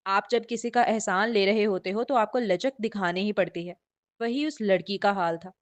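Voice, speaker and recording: A woman's voice: medium pitch, moderate pace. A woman narrating a romance novel in a flowing, descriptive storytelling manner. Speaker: audiobook narrator.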